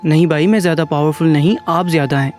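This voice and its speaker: A man reading the lines of a calm, professional young male doctor in a narrated story. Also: on the high side, soft background music, natural voice.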